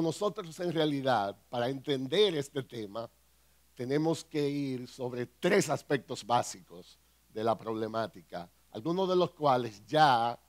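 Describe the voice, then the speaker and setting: A man, a pastor and counselor, praying earnestly and then teaching a conference workshop in a measured way. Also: medium pitch, no echo.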